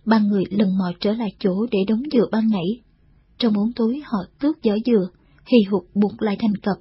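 A woman reading a novel aloud as the narrator, in a measured, even way. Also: medium pitch, a little hiss or hum. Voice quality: very husky. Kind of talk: scripted audiobook narration. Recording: dull, dry lo-fi recording.

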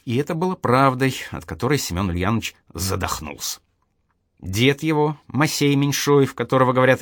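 A man narrating an audiobook in a dramatic, expressive storytelling manner on a close studio mic. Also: medium pitch, no echo.

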